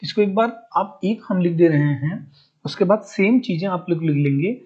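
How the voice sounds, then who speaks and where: Male tutor, husky and mellow, slow drill-style repetition, muffled lo-fi recording. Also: high-pitched, expressive. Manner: asks a question, then answers it himself; repeats each definition slowly for note-taking. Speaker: teacher. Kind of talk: recorded grammar lesson.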